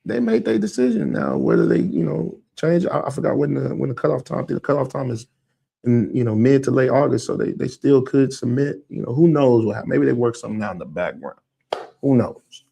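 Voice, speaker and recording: A man's voice: mid-range voice, a little fast, gravelly, mellow, breathy edge. A man giving casual, comedic music industry commentary in a slangy style, with stammered restarts and acted-out scenes.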